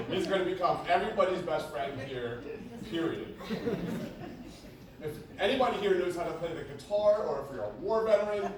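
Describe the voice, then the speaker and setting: A young man with a slightly high voice delivers a joking wedding toast in short, paused phrases. He is heard from a distance in a very echoey room, with clear noise behind him. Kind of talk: humorous wedding speech. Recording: echoey venue, distant mic, noisy background.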